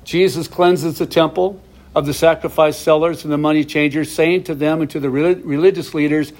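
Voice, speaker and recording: A man's voice: on the high side, steady tone, brisk, darkish tone. Man teaching a verse-by-verse Bible study. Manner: explains verses plainly, with asides to viewers.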